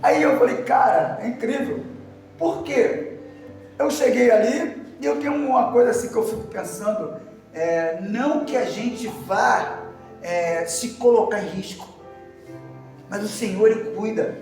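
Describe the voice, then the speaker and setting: A man preaching in a church with a very high voice, telling his story with shouted emphasis and bursts of laughter. He is heard from a distance in a strongly echoing hall. Faint music plays behind him. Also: a little slow. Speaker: deacon preacher. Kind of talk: sermon. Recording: echoey hall from far off with music.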